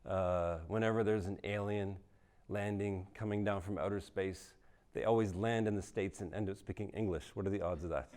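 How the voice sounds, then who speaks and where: A middle-aged man from Canada doing live stand-up before an audience, dry and self-mocking, jumping into high squeaky voices for his impressions. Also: steady tone, moderate pace, darkish tone. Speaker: stand-up comedian.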